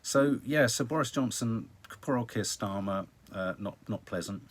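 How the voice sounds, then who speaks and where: On the low side and at normal speed, this British man's voice carries a casual news chat on his online live stream. He rambles wryly to viewers, adding dramatic emphasis.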